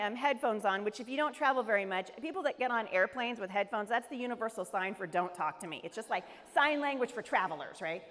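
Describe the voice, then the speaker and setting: A middle-aged American woman giving a humorous storytelling sermon, acting out the people in her story. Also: a little high. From United States. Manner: animated, humorous storytelling with character voices. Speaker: speaker. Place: large event hall. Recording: echoey hall reverb.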